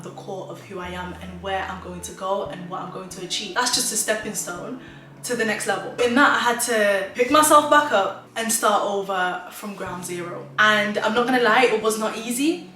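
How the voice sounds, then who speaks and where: A woman's voice: medium pitch, fairly bright tone, far from the mic. A woman in her twenties, originally from Zimbabwe, giving emphatic, motivational life advice straight to her viewers in a chatty vlog. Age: 20s. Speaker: vlogger. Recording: roomy echo, mic set back, faint music.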